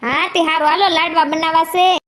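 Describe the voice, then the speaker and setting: A woman chatters on in a high, bright register. She is teasing and a little bossy as she hands out chores in a comic sketch, and she bursts into snatches of song. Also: steady tone, brisk. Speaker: lead in a comedy sketch. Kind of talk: scripted comic village chat.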